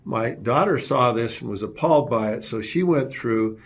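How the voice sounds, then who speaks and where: A man's voice: medium pitch, expressive, normal speed, vocal fry, breathy edge. A man presenting a business webinar as a leadership consultant, telling anecdotes and often repeating words as he restarts.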